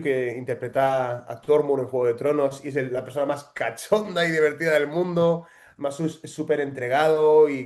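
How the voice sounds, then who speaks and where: A man's voice: mid-range voice, darkish tone. A man, an actor telling stories in a casual interview, with lots of hesitations. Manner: chatty storyteller, frequent hesitations. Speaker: actor guest.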